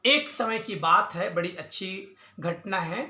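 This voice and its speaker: Slow, high-voiced religious storyteller man. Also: bright, forceful tone. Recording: echoey room.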